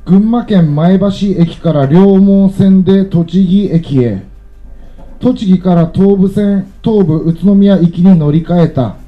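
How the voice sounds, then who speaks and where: Man with a high voice, calmly reading his own travel essay aloud; slightly muffled recording. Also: slow.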